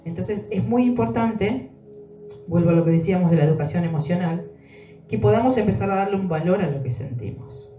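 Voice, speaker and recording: A woman's voice: lowish voice, a little fast, soft background music. A woman with an Argentine accent talking to a live group about emotions, earnest and emphatic, often checking in with her listeners. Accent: Argentine Spanish. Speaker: speaker leading an emotional workshop. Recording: dull, roomy sound from a distant mic.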